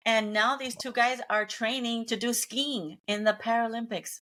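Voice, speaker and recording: A middle-aged woman from a Mexican family who grew up in Los Angeles, and whose first language is Spanish, is a guest in a casual interview. Her fairly high, somewhat bright voice moves at a moderate pace as she speaks earnestly and upbeat.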